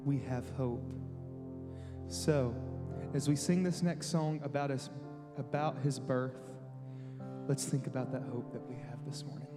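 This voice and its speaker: Young man, worship leader, unhurried and friendly, loud guitar behind, reverberant hall. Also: medium pitch. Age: young adult. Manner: relaxed, friendly, self-deprecating. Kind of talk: worship introduction. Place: church sanctuary.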